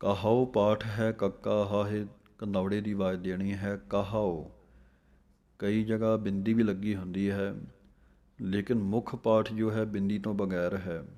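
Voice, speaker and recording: A man teaching scripture recitation, reading each verse slowly word by word and then explaining the pronunciation and pauses, with a Punjabi accent. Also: fairly low pitch, level tone, warm tone. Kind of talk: slow, careful scripture recitation lesson.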